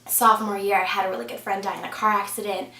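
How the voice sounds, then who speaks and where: A woman's voice: medium pitch, level tone, fast talker, bright, forceful tone. A young woman sharing a personal faith testimony in an earnest, conversational way, with plenty of "like" and "um". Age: young adult. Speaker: church member sharing her testimony. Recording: roomy sound from a distance.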